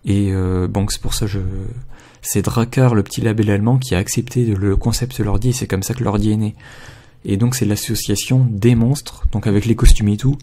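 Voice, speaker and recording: A man with a fairly low, dark voice and a gravelly fry, chatting through an album review for his channel. He talks hesitantly, stopping often on filler sounds as he gathers his thoughts. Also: steady tone. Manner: hesitant, with frequent filler pauses. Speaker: video blogger reviewing albums. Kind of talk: casual spoken review.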